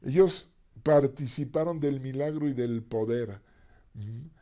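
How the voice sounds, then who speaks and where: A man's voice: mid-range voice, unhurried, mellow. A male pastor teaching a Bible passage in a conversational sermon, with asides and sudden screams.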